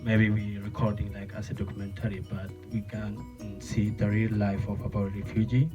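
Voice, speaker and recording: A non-native English-speaking man from a film's cast, talking earnestly in simple halting English at a post-screening Q&A in a screening room. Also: lowish voice, completely flat delivery. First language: not English. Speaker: film cast member. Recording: muffled and distant, music behind.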